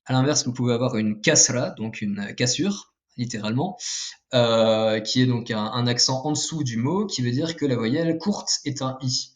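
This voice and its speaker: A man's voice: medium pitch, normal speed. A man giving a casual video lesson, explaining step by step with frequent fillers and self-corrections while drawing with a pen. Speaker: language teacher.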